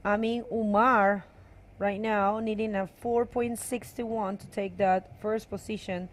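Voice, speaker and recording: A woman's voice: medium pitch, steady tone, unhurried. A woman giving casual live commentary on a surf contest, hesitating often and filling gaps with fillers.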